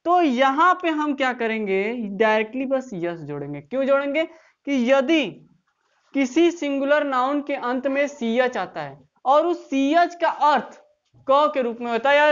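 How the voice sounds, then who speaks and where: A woman's voice: high-pitched, lo-fi sound. A woman teaching English grammar in an online class, explaining step by step and often checking that students follow.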